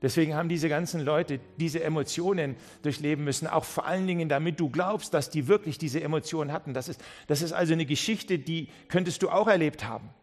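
A man's voice: fairly high pitch, brisk, hardly any pauses, soft background music. A man preaching a sermon with passion, often acting out the people he quotes. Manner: passionate, acts out quoted speech, many restarts.

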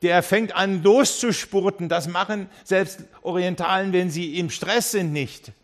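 Lively storytelling preacher, man with fairly high voice. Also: a little slow. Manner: lively storytelling that acts out the characters; frequent restarts and repeated words. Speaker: pastor. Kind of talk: sermon.

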